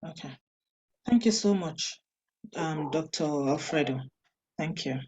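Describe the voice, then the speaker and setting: A woman's voice: deep voice, lively intonation, a little slow, a little mellow, slightly rough. A woman moderating an online webinar, relaying audience questions hesitantly with many ums. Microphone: video call.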